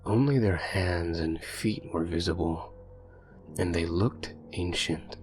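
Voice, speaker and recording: A man narrates a horror story in a very deep, unhurried voice, measured and grim. Faint music plays underneath the reading.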